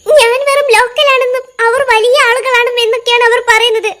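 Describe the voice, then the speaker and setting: A bunch of young cartoon schoolkids bicker and chatter in very high, squeaky voices. The talk bounces quickly from one child to the next, in the style of an animated comedy. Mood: sympathetic. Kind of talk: cartoon voice acting.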